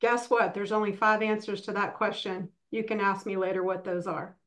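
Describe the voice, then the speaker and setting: A woman, a long-term care specialist, speaking on a webinar panel in a brisk, emphatic way. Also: medium pitch, level tone, fairly bright tone.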